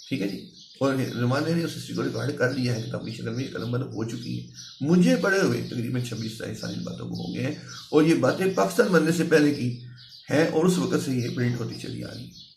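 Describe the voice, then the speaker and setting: A man giving a measured religious lecture, patiently explaining his points with worked examples. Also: medium pitch, lively intonation, creaky, background noise. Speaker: religious speaker. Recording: echoey room.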